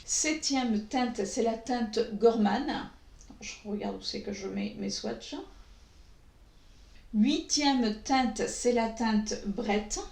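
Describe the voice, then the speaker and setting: A woman walks through a makeup tutorial at an unhurried pace, pausing often and filling gaps with hesitations. Her voice sits a little high. The recording carries a noticeable echo from the room. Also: gravelly, a little mellow. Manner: slow, hesitant, many pauses and fillers. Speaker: beauty vlogger. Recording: echoey room.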